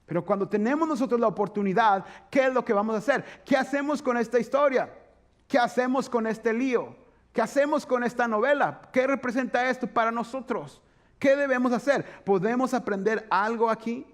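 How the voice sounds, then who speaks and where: A man pastor preaching a sermon, animated, acting out voices and asking the congregation questions. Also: extremely high pitch, brisk.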